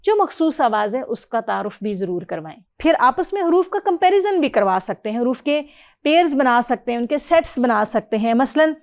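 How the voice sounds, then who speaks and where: A middle-aged woman, teaching Quran reading and drilling letter sounds with a student. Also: a little high. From Pakistan. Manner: patient, explanatory, models letter sounds clearly and praises.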